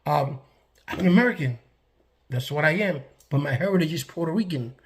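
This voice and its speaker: A man's voice: a little high, animated, brisk. A man from the Bronx, ranting to camera in a casual, emphatic way, with many restarts and fillers. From the Bronx, New York. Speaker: vlogger. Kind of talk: casual political rant to camera.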